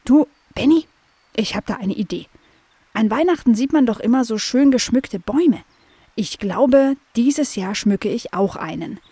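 Lady doing a cheerful curious puppy girl, kinda high, dry close sound. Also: lively intonation, a little slow, dark tone, breathy edge, dry recording, full character voice. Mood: eager. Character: curious, cheerful young female dog.

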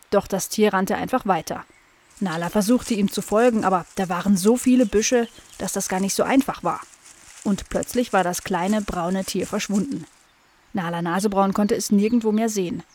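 A woman calmly reading a children's story aloud as narrator. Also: medium pitch. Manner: calm, clear storytelling.

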